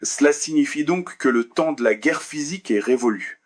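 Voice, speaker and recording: A man's voice: on the high side, normal speed. A man from the United States giving an earnest debate speech to an audience, repeating phrases for emphasis and hesitating with fillers while he looks for verses. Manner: addresses the crowd directly.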